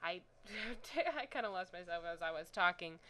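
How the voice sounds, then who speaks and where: A woman's voice: fairly low pitch, expressive, normal speed, heavy background noise. A woman talking casually about her own story, rambling and apologetic in a self-conscious way. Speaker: amateur storyteller. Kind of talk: casual chat to camera.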